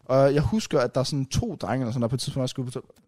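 A young man casually retelling a long night out on a podcast, rambling and animated with many restarts. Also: mid-range voice, dry recording, clean studio sound. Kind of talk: casual storytelling chat.

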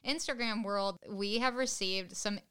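A woman, co-hosting a podcast and telling stories in a giggly, animated way. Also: medium pitch, measured pace, clean tone. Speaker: podcast co-host. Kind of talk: casual chat.

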